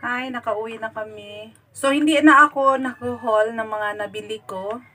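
A woman's voice: a little high, normal speed, noisy background. A woman, vlogging casually from her living room and talking straight to the camera with little giggles. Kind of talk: casual vlog narration. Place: home living room, indoors. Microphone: phone camera at arm's length.

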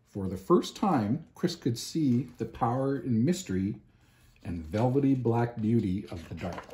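A man, reading a children's picture book aloud expressively, with deliberate, emphatic pauses. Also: medium pitch, dark tone. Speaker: storybook reader. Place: home living room, indoors.

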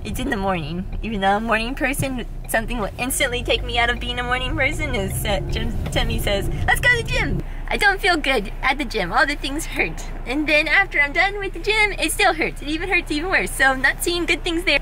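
A woman's voice: high-pitched, lively intonation, fairly quick, noisy background. A woman in her thirties chatting to a handheld camera in a car, playful and mock-grumpy, giggling often. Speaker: vlog host. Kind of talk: casual car vlog chat. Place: inside a parked car. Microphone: handheld camera at arm's length.

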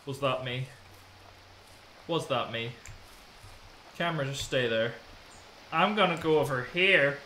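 A young Scottish man commentates on a game in a bright, forceful voice. He swears freely and sounds jumpy and nervous. The room adds some echo, with faint noise behind him. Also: mid-range voice, unhurried, long pauses. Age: young adult. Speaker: gamer host. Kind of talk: gameplay commentary.

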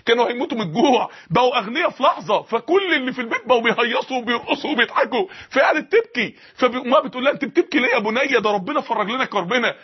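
A man's voice: very high-pitched, husky. A man preaching a sermon with an Egyptian Arabic accent, firing off impassioned rhetorical questions. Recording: dull lo-fi lecture recording.

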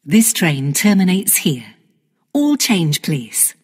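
Woman doing a train announcer lady, slow formal scripted announcements, some train noise behind. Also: on the low side, very animated, darkish tone. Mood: measured, formal. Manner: measured, formal. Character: female automated onboard train announcer.

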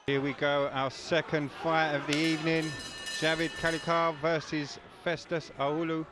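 A man's voice: fairly high pitch, little pitch movement, moderate pace. A man giving live MMA fight commentary in clipped, present-tense phrases. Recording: loud venue crowd noise behind. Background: loud crowd.

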